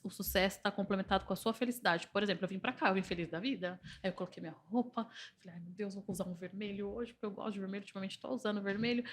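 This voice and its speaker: A woman speaking with a Brazilian Portuguese accent as a guest in a podcast conversation. She talks in an animated, persuasive way and makes her points through anecdotes from work. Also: mid-range voice. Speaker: entrepreneur and organizational systemic therapist.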